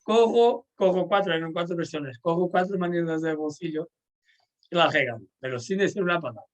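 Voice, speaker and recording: Speaking fairly quickly, this man from Portugal, a native Portuguese speaker, shares anecdotes warmly as a pilgrim and host in casual conversation. His pitch is a bit above the typical male range. He frequently breaks off and restarts sentences and keeps checking on his listener with "sabes?"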